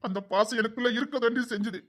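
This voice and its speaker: A man with a Tirunelveli Tamil accent, voicing a wronged and vengeful husband in a dubbed family drama, scolding bitterly. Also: fast talker. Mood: seething. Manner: bitter, scolding, swinging between shouts and low mutters.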